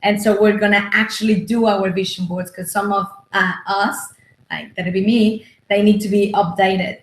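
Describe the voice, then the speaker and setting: A woman's voice: medium pitch, steady tone, normal speed. Enthusiastic woman interviewer in echoey room. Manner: warmly enthusiastic, praising. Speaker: interviewer and retreat host. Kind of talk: casual interview chat. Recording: roomy echo.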